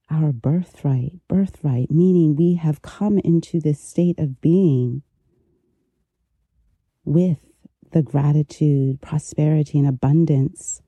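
A meditation teacher guiding relaxation gently, with a soft, intimate delivery right in the listener's ear. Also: mid-range voice, husky, no echo, highs cut off. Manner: slow, unhurried, gentle pauses. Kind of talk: guided meditation, soothing instruction.

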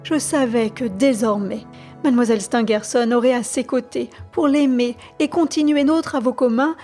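A woman's voice: fairly high pitch, mellow, husky, faint music behind. Woman reading as a grave elderly professor. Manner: formal, measured, dignified. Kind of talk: audiobook reading.

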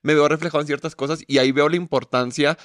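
A man's voice: a little high, steady tone, quick pace, no room sound, studio quality. A man with a Mexican accent hosting a podcast, talking in a supportive, colloquial way. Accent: Mexican Spanish. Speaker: podcast host. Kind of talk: casual chat.

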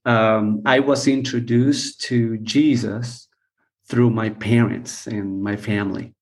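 A middle-aged man from Costa Rica, a missions team leader, calmly telling his life story as a podcast guest, with many pauses and "uh"s. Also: fairly low pitch. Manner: measured, unhurried, with frequent "uh" pauses. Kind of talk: relaxed personal storytelling.

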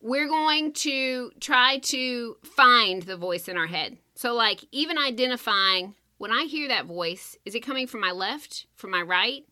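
A woman's voice: a little high, expressive, a little slow, few pauses, pushed and bright. A woman explaining a strategy in casual chat, step by step, with many "like" fillers.

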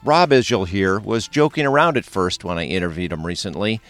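A man hosting a radio show, reading scripted narration in a smooth announcer delivery. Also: deep voice, a little fast, a bit bright, soft background music.

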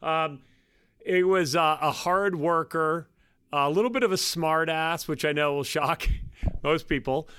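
A man in his fifties, a guest on a podcast, telling his story in a halting, self-deprecating way with many restarts. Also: fairly high pitch, a bit bright, clear, resonant tone, no room sound. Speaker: guest, private equity partner. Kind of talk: casual podcast interview.

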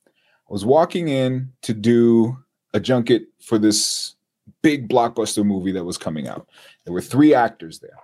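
Appearing as an interview guest, a TV and radio personality tells a story in a husky, breathy, mid-pitched voice. He keeps things animated, acting out the people he quotes along the way.

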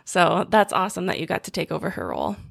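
A woman's voice: fairly low pitch, big pitch swings, fast talker, vocal fry, no room sound, studio quality. A woman hosts a faith podcast, welcoming and interviewing her guest in an upbeat, encouraging way. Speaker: podcast host.

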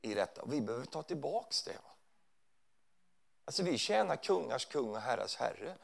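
A man's voice: medium pitch, sing-song, vocal fry. A man preaching in a church hall, conversational, often checking in with his listeners. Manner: conversational preaching with frequent tag questions. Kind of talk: sermon.

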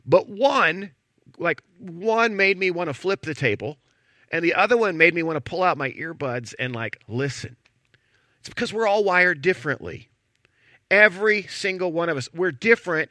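A middle-aged man preaching a sermon as pastor, telling a story in a chatty, animated way. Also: a little high, dry recording, studio quality. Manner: conversational storytelling with animated emphasis.

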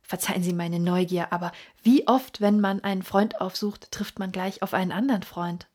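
A calm, keen-minded detective , read by a woman. He speaks in a measured, inquisitive way, sometimes dropping to a hush, and the voice is husky and breathy, at a middling pitch. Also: natural voice. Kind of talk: audiobook reading.

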